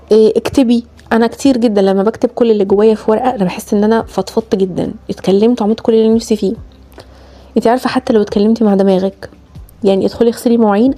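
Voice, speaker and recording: A woman's voice: fairly high pitch, dark tone. A woman with an Egyptian Arabic accent, a mother coaching other mothers on parenting, earnest and addressing the viewer directly. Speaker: mother giving parenting advice. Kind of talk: direct-to-camera advice talk.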